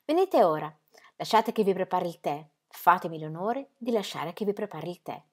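A woman's voice: lowish voice, animated, moderate pace, a little mellow. A woman reading the part of an earnest, anxious young pastor's wife with breathless, gushing emphasis. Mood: eager.

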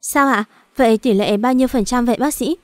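A woman's voice: a little high, fairly quick, no room sound, studio quality, natural voice. A woman voicing a loyal, worried young female best friend in an audio story, in an anxious, caring manner. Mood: alarmed. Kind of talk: audiobook dialogue.

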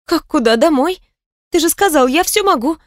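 Woman reading sarcastic, hurt young heroine, high and biting, dry recording. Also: expressive, moderate pace, no echo. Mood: defiant. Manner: bitter, sarcastic.

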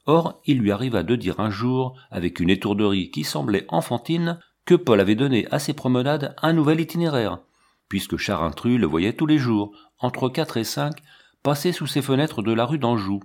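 A man narrating a classic story as an audiobook reader, in a measured way. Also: mid-range voice, animated, darkish tone. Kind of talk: scripted literary narration.

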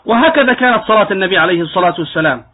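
A man's voice: high voice, animated, rapid-fire. A man, an Islamic scholar, giving a religious lecture on jurisprudence and explaining points patiently, at times demonstrating wrong pronunciations. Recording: tinny phone-like lo-fi audio.

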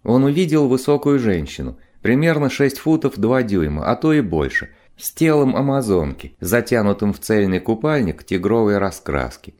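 A man narrating an audiobook in an expressive, dramatic reading style. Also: fairly low pitch, normal speed, few pauses. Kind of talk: scripted narration.

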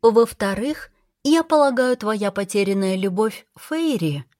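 A woman reading an audiobook, voicing the gentle, faintly bitter trapped soul of a death goddess in a raised, softer voice. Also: medium pitch, expressive, a little slow, dry recording, clean studio sound, voice pushed up, lightly acted. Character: soft kind ancient female death-goddess soul.

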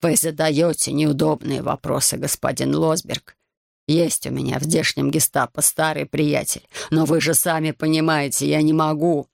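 A man voicing a distraught heavyset businessman begging for help for his arrested son, in a slow, broken, pleading way. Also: on the high side, little pitch movement, gravelly, no echo, studio quality. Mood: desperate pleading. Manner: desperate, pleading, slowed and broken.

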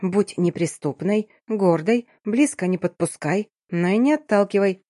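A woman reading a hushed, sly girlfriend. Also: medium pitch, moderate pace, dry recording, studio quality, natural voice. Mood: sly teasing. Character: young woman friend, scared yet teasing and conspiratorial.

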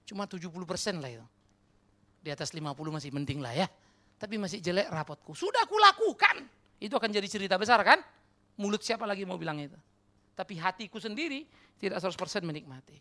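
A man preaching a sermon as pastor, animated and conversational. He questions the congregation directly and mixes casual slang and English words into his talk. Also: high voice, fast. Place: church.

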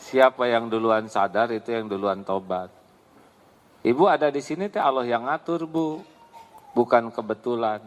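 A man giving a lively Islamic sermon, answering a question, acting out voices and laughing often. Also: mid-range voice, normal speed, long pauses. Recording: long hall reverb.

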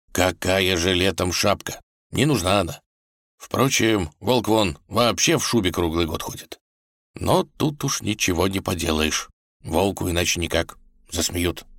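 Deep-voiced man narrating a fairy tale. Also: vocal fry, a bit bright, no echo, studio quality. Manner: playful storytelling.

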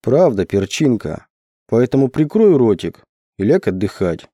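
Brief: domineering woodsman, read by a male narrator, slow and low, dark mellow tone. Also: sing-song, no room sound, studio quality. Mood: growling. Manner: slow, low, growling commands. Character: huge gruff domineering forest man.

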